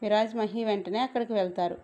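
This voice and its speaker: A woman's voice: medium pitch, fairly even intonation, fast talker, warm tone. A woman narrating a scripted romance story and voicing every character herself.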